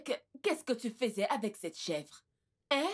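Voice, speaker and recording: A woman dubbing a gentle royal mother who calmly soothes her son in a dubbed film. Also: a little high, a little slow, slightly rough, full character voice. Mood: soothing. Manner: calm, soothing.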